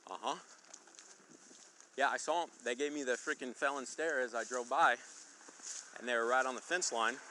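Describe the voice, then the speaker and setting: A man's voice: medium pitch, moderate pace, long pauses, bright, forceful tone, slight background noise. A man working as a police officer, recounting an incident to colleagues outdoors. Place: outdoors by a road and river.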